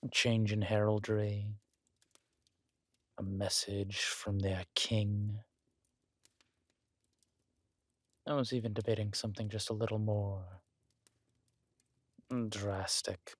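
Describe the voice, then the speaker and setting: Pensive and regal, a man plays a wry, threatening villain king for a roleplay audio drama, his measured, intimate delivery dripping with smug theatricality. The voice sits on the low side with little pitch movement, recorded with no echo.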